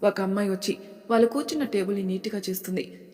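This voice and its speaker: A woman's voice: mid-range voice, fast talker, darkish tone. Woman reading a story with long reverb. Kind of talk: scripted story narration.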